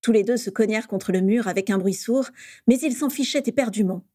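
A woman reads a story aloud in a steady storytelling manner. Her voice is mellow and warm at a middle pitch. The recording is dry and close. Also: a little fast, no room sound. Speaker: reader.

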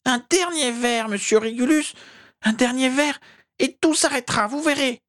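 For an amateur audiobook, a woman voices an old male house-elf servant, anxious and devoted, with a creaky, grating voice. He refers to himself in the third person and pleads with his master. Her voice sits high, at normal speed, lightly acted.

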